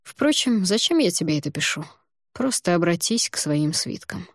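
Bitter proud guy writing an accusing letter, read by a woman, measured and cold, lowish voice, dry sound. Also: very animated, no room sound. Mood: bitter, reproachful. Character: male letter writer, bitter, proud and reproachful. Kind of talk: audiobook narration.

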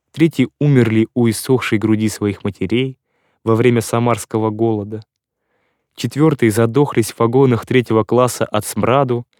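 A man reading a classic literary story aloud in a calm, measured way. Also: mid-range voice, no room sound, clean studio sound. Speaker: narrator.

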